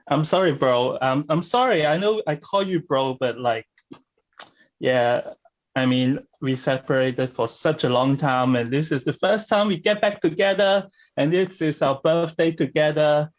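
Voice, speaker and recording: A man performing improvised comedy scenes, speaking haltingly as he searches for his words. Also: a little high, dull audio.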